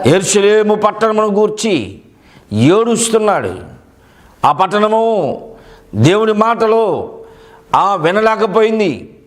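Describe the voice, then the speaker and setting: High-voiced male pastor preaching. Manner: emphatic, repeats phrases. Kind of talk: sermon.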